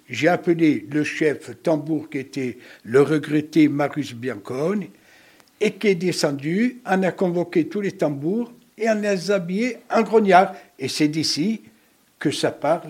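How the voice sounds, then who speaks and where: Husky older man telling old stories. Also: fairly high pitch, a little slow. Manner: lively, jovial storyteller. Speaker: longtime band member, guest. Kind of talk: casual reminiscing.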